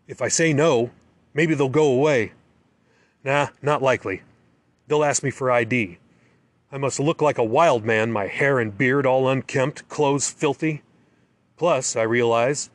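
A man's voice: medium pitch, no echo. A man giving an intense, bitter, emotional first-person story narration.

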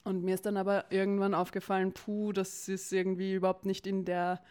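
A woman's voice: mid-range voice, monotone, a little fast, a little mellow, clean tone. A young woman with a Viennese accent, talking casually as an interview guest, with frequent fillers. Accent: Viennese Austrian German. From Vienna, Austria. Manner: talkative, many fillers, occasional laughs. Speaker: interview guest, campaign spokesperson.

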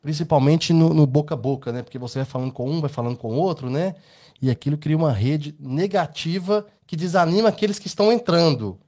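A man's voice: fairly high pitch, fast, a little mellow. A Brazilian man with a Brazilian Portuguese accent, co-hosting a podcast and telling rambling personal stories with frequent tag questions. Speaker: podcast co-host. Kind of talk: casual podcast chat.

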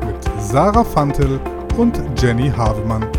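Lively man announcing over music. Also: mid-range voice, a little slow. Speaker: podcast announcer. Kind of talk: scripted intro announcement. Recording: intro voice over clear music.

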